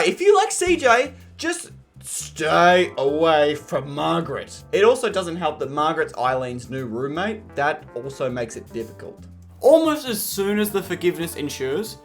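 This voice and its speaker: A man's voice: high-pitched, fairly bright tone. A young man recapping a cartoon series as a comedic YouTube host, jokey with sarcastic asides.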